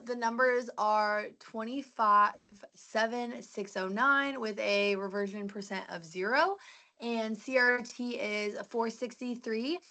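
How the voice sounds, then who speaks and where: A woman's voice: on the high side, sharp tone. A young woman, the comptroller, giving a casual finance report with fillers.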